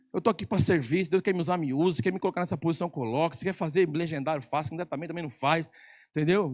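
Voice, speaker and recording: A man with a Brazilian Portuguese accent preaching a sermon at a church service, telling a story in an animated, teasing way that often gets loud. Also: a little high. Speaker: pastor.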